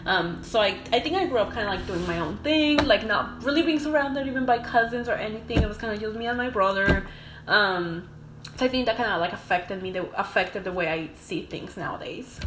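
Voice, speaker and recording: A woman's voice: mid-range voice, fairly quick. Young woman from mexico chatting on a podcast, lots of ums, roomy echo, faint hiss. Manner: relaxed, frequent ums, thoughtful. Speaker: podcast guest. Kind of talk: casual interview chat. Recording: echoey room, faint noise.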